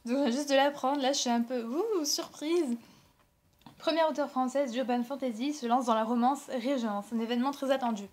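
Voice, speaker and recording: Young french woman with a high voice, chatty book haul, lots of euh and restarts. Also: steady tone, fast, hardly any pauses, a little mellow. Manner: chatty, rambling with many fillers and self-corrections. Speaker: book blogger. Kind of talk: casual book haul vlog.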